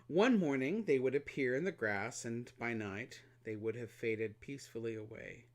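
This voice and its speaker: A man reading a children's storybook aloud, expressive and animated, with playful asides. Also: medium pitch, moderate pace. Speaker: reader.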